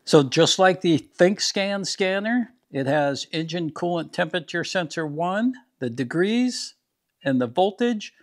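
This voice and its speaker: A man's voice: sits high, expressive. A man in his fifties, a garage channel host, plainly demonstrating scan tools in his home garage. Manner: plain, practical, unhurried explaining. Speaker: DIY mechanic channel host. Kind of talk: casual product demo.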